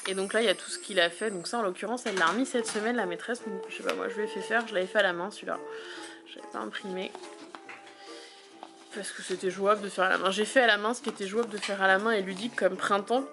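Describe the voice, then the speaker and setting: A woman's voice: medium pitch, fast talker. Mother vlogger, casual and practical explainer, music playing underneath. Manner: explains step by step, calm and practical. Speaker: mother vlogging her child's schoolwork. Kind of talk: casual chat.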